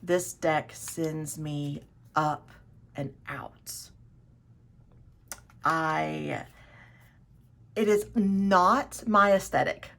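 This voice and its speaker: Woman chatting slow and a bit low, gravelly voice, rambly and excited about her stuff. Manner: rambling, self-correcting, enthusiastic. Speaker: tarot video host. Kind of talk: casual chat to camera.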